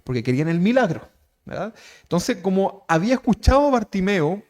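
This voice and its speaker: A man preaching a conversational sermon as pastor, animated and constantly asking his listeners questions. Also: sits high, brisk.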